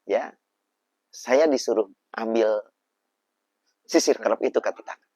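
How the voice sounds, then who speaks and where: A man, a preacher guest telling lively, animated stories about raising children. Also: on the low side, a little slow, slightly rough, no room sound. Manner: animated storyteller. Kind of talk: casual religious talk.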